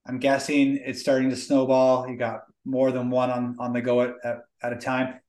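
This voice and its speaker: A male podcast host chats casually and asks loosely phrased questions, restarting his phrases as he goes. He speaks at a middle pitch. His voice sounds roomy, with plenty of echo. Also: completely flat delivery, moderate pace, darkish tone. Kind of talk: casual interview chat.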